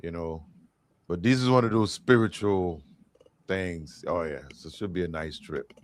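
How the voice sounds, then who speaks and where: A man's voice: deep voice, normal speed. A man co-hosting a casual panel chat, laid-back and reflective. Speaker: co-host of a panel show.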